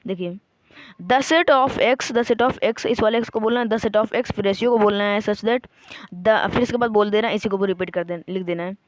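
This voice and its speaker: A man's voice: high voice, fairly even intonation, noisy background. Man patiently dictating a maths lesson. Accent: Indian English. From India. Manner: repetitive, step-by-step explaining, slow dictation of terms. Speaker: maths teacher.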